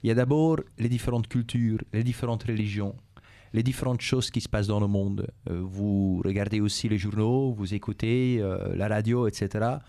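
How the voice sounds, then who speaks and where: In calm, explanatory interview answers for schoolchildren, a middle-aged Belgian executive speaks French with a Flemish accent; his first language is Dutch. The male voice is fairly low, warm, and fairly even in intonation. His manner is measured, with many hesitations, repeated phrases, and frequent "euh" and "et cetera."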